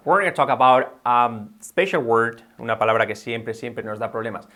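Guy teaching english on video, says words over and over slowly. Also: mid-range voice, steady tone, fairly bright tone. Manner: drills words by repeating them slowly. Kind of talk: bilingual video lesson.

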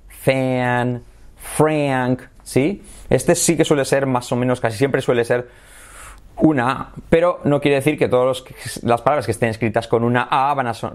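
A native Spanish speaker with a mid-range voice teaches English pronunciation in a video lesson. He models words slowly and keeps checking in with "¿vale?" and "¿sí?".

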